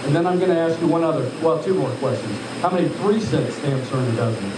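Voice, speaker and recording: Speaking fast in a voice on the high side, a male altitude chamber instructor quizzes and directs trainees while checking on them in live hands-on training. He is directive and questioning, addressing each trainee as sir. Expect an echoey room, a distant mic, and loud machinery hum.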